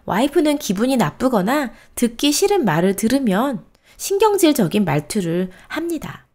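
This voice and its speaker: Woman with a lively, high-pitched reading voice. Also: moderate pace. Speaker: storytelling channel host. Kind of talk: reading a reader's post aloud.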